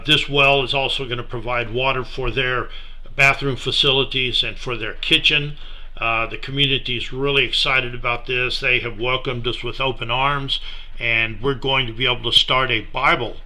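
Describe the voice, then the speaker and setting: A middle-aged man giving a relaxed, unhurried slideshow talk about a mission project, with many fillers. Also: mid-range voice. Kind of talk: casual slideshow presentation.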